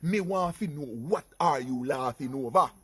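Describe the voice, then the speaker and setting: A man with a Jamaican accent, speaking in patois as he tells stories about his life in a casual vlog, jumping from loud exclamations to low murmurs. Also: animated, moderate pace, husky. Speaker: vlogger.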